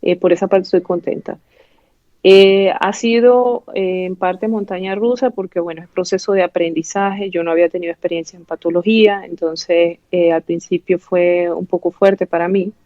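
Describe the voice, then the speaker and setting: A Venezuelan woman in her thirties, a pathology resident doctor, speaks candidly as a guest in a casual interview, full of fillers and restarts. Her Venezuelan Spanish voice is on the low side, dark, and fairly even, at normal speed, in a dull lo-fi recording without echo.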